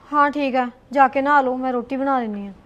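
A woman as a quick-talking young wife. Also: high voice, a bit bright. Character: young married woman, dutiful and hardworking. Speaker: daughter-in-law. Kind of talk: short film acting.

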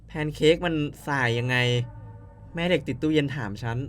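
A man playing a story game, reading its text aloud and dropping in quick puzzled asides to viewers. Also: fairly high pitch. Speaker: game streamer.

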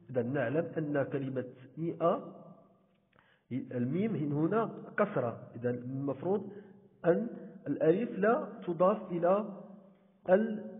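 A man from Morocco teaching a primary school spelling lesson, speaking deliberately and drawing out example words. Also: on the high side. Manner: deliberate, stretches out example words, repeats "so" often. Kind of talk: recorded Arabic spelling lesson. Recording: tinny phone-like sound with long reverb.

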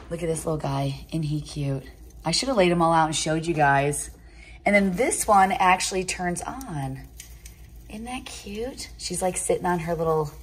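A woman in her fifties vlogs in her home kitchen, holding her phone at arm's length and gushing over decorations. Her voice is low-pitched, with slight background noise behind it.

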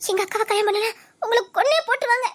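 A woman's voice: very high-pitched, racing, a bit bright. A woman voicing an anxious young college woman trapped by her strict family in an audio drama. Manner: anxious, torn, pleading. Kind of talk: Tamil audio drama acting.

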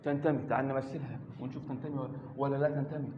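A man's voice: medium pitch, steady tone, very fast. An Egyptian man teaches a math class, calling on students by name and asking the same question again and again with patience. His voice rings through a roomy hall with a long echo, and the recording sounds dull and lo-fi, with faint noise behind him.

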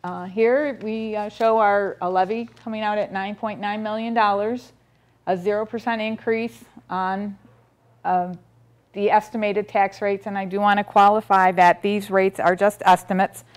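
A distant camera records the room as a middle-aged woman at a public board meeting goes through the school district budget, reading figures methodically with many ums and restarts. She stands by a projector screen and speaks at normal speed in a medium-pitched voice with fairly even intonation.

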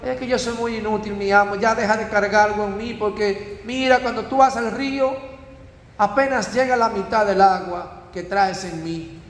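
A man's voice: high voice, normal speed, lightly acted. A man voicing a sad old cracked clay water jar, female, pleading plaintively with her master in a parable. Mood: sorrowful. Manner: plaintive, self-pitying pleading. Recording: echoey church hall.

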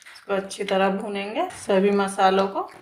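A woman who hosts a home cooking channel, calmly explaining each step of a recipe as she cooks in her kitchen. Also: mid-range voice, normal speed, a little hiss or hum. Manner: calm, plain step-by-step explaining with repeated phrases. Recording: echoey kitchen with cooking sizzle. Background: frying sizzle and stirring clicks.

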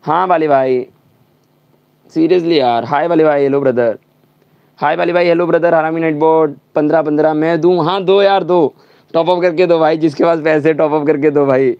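A man's voice: a little high, fairly even intonation, normal speed, no room sound, highs cut off. Angry swearing young male game streamer. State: slightly sore throat. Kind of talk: live gaming stream chat.

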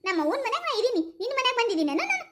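A brash young village woman , as a woman puts her on snaps back in shrill, mocking bursts with a North Karnataka Kannada accent. She talks very high and fast. It is a rustic comedy sketch. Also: big pitch swings, a bit bright, heavily acted. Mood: defiant. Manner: shrill, mocking, laughing retorts.

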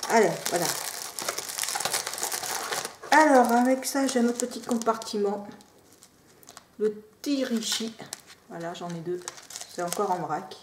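Woman doing a chatty unboxing, mid voice, echoey room, bit of paper rustle. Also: mid-range voice. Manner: chatty, drifts into soft quiet asides. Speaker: unboxing vlogger. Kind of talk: casual unboxing chat. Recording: roomy echo, faint noise.

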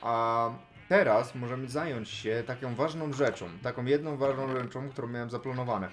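A man commentating his own Minecraft play in casual, chatty talk, chatting to the animals and now and then shouting with excitement. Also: mid-range voice, moderate pace, slight background noise. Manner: chatty, talks to animals in game, bursts of excited yelling. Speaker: gaming YouTuber.

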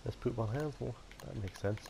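A gaming video host delivers casual let's-play commentary, chatty and playful, talking to himself as he plays. His voice is medium-pitched with vocal fry and a dark tone, at a moderate pace. There's slight background noise.

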